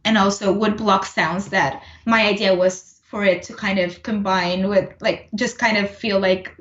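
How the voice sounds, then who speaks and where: Woman, 30s, from Puerto Rico; thoughtful guest voice, middle pitch, roomy and slightly dull. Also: steady tone, measured pace. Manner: thoughtful, many restarts and fillers. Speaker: composer, interview guest. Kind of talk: casual interview conversation.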